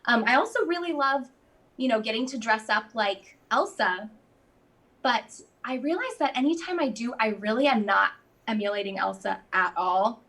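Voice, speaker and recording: A woman guest in casual conversation, chatty and quick to laugh, with lots of fillers. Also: a little high, expressive, a bit bright. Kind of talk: casual chat.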